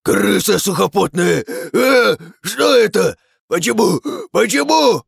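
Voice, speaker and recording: A man voicing a brutish, hot-headed male pirate captain in an audiobook, with a raspy, gravelly voice and hysterical bellowing outbursts. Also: high-pitched, expressive, slow pace, no room sound, studio quality, pitched above the performer's own voice, exaggerated voice. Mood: panicked. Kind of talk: audiobook character voice.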